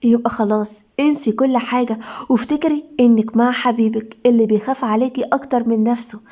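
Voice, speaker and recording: A woman's voice: on the high side, fairly even intonation, quick pace, warm tone, close to an everyday voice. A doting young Egyptian husband, soothing and affectionate, as a woman storyteller puts him on. The voice stays close to her own. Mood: tender. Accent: Egyptian Arabic. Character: young husband, romantic and reassuring.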